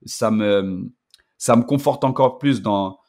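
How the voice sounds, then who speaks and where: A man's voice: fairly low pitch, takes it slowly, a little mellow. A man from Paris, a former footballer, speaking earnestly and reflectively in a casual chat. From Paris, France.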